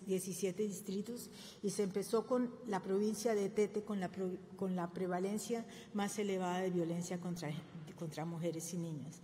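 Warm and medium in pitch, an older woman's voice carries through a reverberant government press room with faint ambience. She is a conference speaker at a podium microphone giving a formal presentation, often stumbling into fillers and self-corrections.

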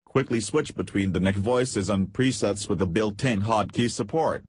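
A man with a fairly low, noticeably rough voice reads a scripted product demo at a moderate pace, breaking it into short headed segments and feature lists. The recording is dry and close, with no room sound.

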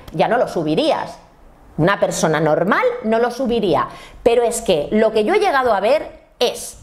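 Indignant Spanish woman with a lively voice. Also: on the high side. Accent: Spain Spanish. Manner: indignant, blunt, talks straight to viewers. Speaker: commentary channel host. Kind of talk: opinionated commentary.

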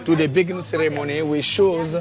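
Young beninese guy doing a tour, kinda high voice, halting english w accent, people chattering outside. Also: fairly even intonation, a crowd in the background. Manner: halting non-native English with simple phrasing. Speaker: temple tour guide. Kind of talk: explanatory guided tour. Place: outdoors in a temple courtyard. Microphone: clip-on lavalier.

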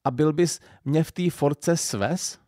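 A man's voice: on the high side, dry recording, clean studio sound, pitched above the performer's own voice, lightly acted. A man with a Silesian accent voicing a playful, coaxing young bride in an audiobook. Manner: soft, coaxing.

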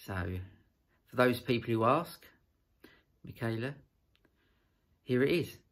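A middle-aged British man chatting casually as a vlog co-host, with a husky voice, at home. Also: medium pitch, lively intonation, slow pace, a bit bright. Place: living room at home.

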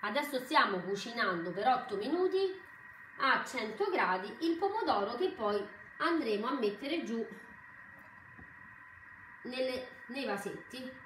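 A woman giving a live cooking demonstration, chatty, excitable and often apologetic. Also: fairly high pitch, unhurried, long pauses. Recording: roomy kitchen echo, faint background noise.

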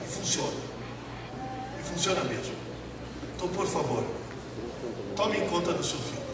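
A man giving a talk on learning to a live audience, humorous and animated, often putting questions to the listeners. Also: fairly high pitch. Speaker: speaker at an education talk. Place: large hall. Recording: echoey hall, distant mic, noisy.

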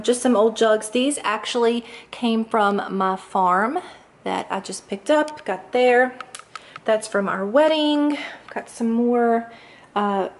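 On a handheld camera mic, a lifestyle vlogger with a voice on the high side shows off her big indoor kitchen and dining area. She keeps the home tour chatty and upbeat, scattering fillers as she goes.

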